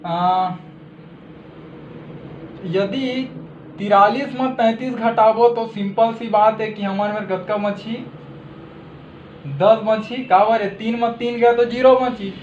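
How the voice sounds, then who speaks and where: A high-pitched male math teacher with a Chhattisgarhi accent explains a lesson in steady steps, checking in with a frequent "theek hai" after each one. The audio is dull and lo-fi, captured in an echoey room.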